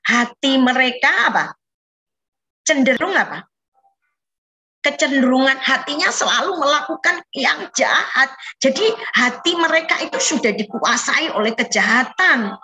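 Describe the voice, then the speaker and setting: A woman's voice: sits high, lively intonation, normal speed, over music. A woman leading a children's Bible lesson over a video call, patiently coaxing the kids with questions. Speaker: children's Sunday school teacher.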